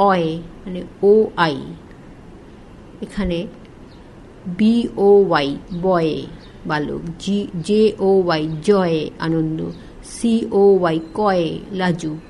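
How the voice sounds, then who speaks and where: A woman's voice: fairly low pitch, darkish tone, rough recording. Woman, spelling drill, word by word, faint background noise. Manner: spells each word letter by letter, then says it and gives its meaning. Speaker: English teacher reading a textbook aloud. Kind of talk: slow spelling and pronunciation drill.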